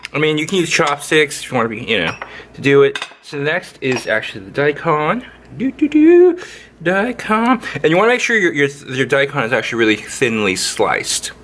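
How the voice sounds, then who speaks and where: Host, male, cooking vlogger: lively rambling delivery, bright voice, faint room hiss. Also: medium pitch. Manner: playful, rambling, with sing-song sound effects. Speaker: home cook, channel host. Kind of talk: casual cooking demo. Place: indoor kitchen, overhead camera on hands.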